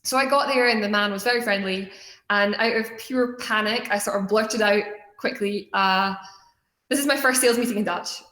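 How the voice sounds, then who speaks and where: The speaker is a young Scottish woman leading a student organization, delivering a motivational keynote about her own experiences. She's earnest and conversational, with a medium-pitched, sharp-toned voice at normal speed, recorded in an echoey room.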